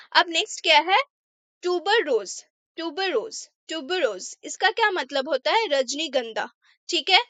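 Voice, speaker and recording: Woman, English teacher, high voice, bright tone, slow careful examples. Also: dry recording. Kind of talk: casual Hindi vocabulary lesson.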